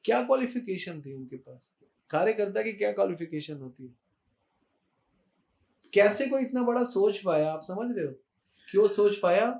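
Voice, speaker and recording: A man giving an animated devotional talk, emphatic and repetitive, slipping English words into speech. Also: high voice, moderate pace, vocal fry, pauses often, reverberant. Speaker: spiritual speaker.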